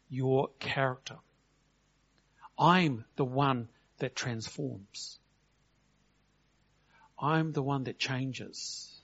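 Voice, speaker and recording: A man's voice: mid-range voice, a bit bright. New man preaching, lo-fi. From New Zealand. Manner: conversational, slows for emphasis, acts out quotes. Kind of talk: sermon. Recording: dull lo-fi recording.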